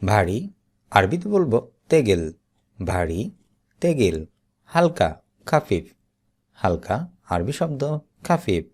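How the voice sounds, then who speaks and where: Slow, lively-voiced man drilling vocabulary. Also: breathy edge. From Bangladesh. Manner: slow, deliberate repetition with lively pitch. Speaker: Arabic teacher. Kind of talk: slow vocabulary drill, each word said twice.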